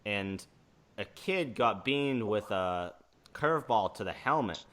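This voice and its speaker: Lower-pitched male co-host, deadpan humor, relaxed chat. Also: slow. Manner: dry, deadpan jokes. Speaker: podcast co-host. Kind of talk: casual chat.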